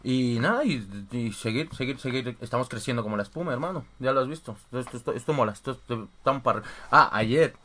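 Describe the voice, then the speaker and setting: A man's voice: medium pitch, quick pace, few pauses. A young man from co-hosting a casual podcast, laughing often and telling stories with energy. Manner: laughs often, animated storytelling. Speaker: podcast co-host.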